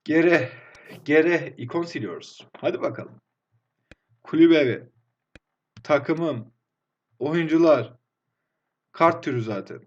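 A man in his twenties commentating his own football game play, swinging from hushed groans to excited outbursts. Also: on the high side, takes it slowly, pauses often, dull audio. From Turkey. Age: 20s. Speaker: mobile football game streamer. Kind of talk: live gameplay commentary.

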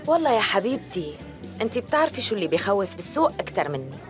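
A smug, threatening businesswoman played by a woman speaks Syrian Levantine Arabic in a dubbed drama. Her delivery is brisk and swoops in pitch, with music behind. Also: big pitch swings, natural voice. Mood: smug pressure. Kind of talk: dubbed television drama dialogue.

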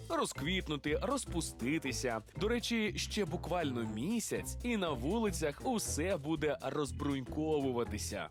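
A man working as a TV street reporter, playfully quizzing people in a lively voice-over. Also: high-pitched. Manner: playful, teasing quizmaster.

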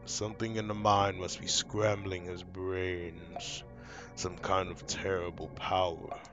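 Man reading as a low, solemn ancient spirit. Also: flat delivery, slow pace, over music. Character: solemn ancient spirit guide in fantasy game.

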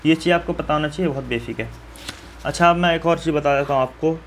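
A man's voice: fairly high pitch, fast, a bit bright, slight background noise. A man teaching students step by step how to fill in a map, in a friendly and reassuring way, often asking viewers questions. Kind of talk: map-filling lesson for school students.

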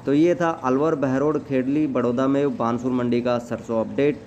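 A man's voice: medium pitch, steady tone, normal speed, darkish tone. Casting: male news-style voice-over host for market bulletins, dull lo-fi sound with faint background noise. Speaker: host of market price update channel. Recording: muffled lo-fi audio with background noise.

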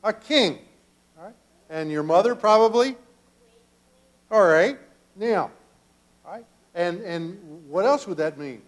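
Older male pastor, children's sermon, slow and halting delivery, fairly high voice, church sanctuary. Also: lively intonation. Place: church sanctuary, children seated around him.

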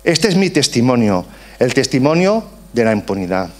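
A man's voice: medium pitch, very animated, normal speed. A man in his forties reading a prepared, emphatic testimony aloud at a book presentation. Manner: earnest, emphatic, slogan-like closing.

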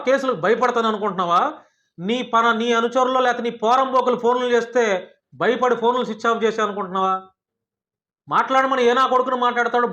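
A male journalist and YouTuber, delivering a combative, heated rant at a critic full of rapid-fire rhetorical questions. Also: extremely high pitch, a bit bright, lo-fi sound.

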